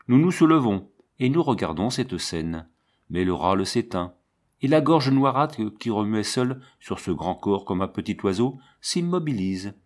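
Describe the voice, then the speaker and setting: A man narrating a literary novel as an audiobook, in a measured, expressive reading. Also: lowish voice.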